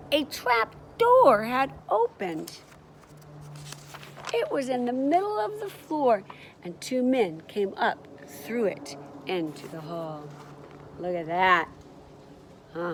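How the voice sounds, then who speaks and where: A woman reading a children's chapter book aloud, with lively, encouraging asides to young listeners. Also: medium pitch, slight background noise. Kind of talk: children's storybook read-aloud.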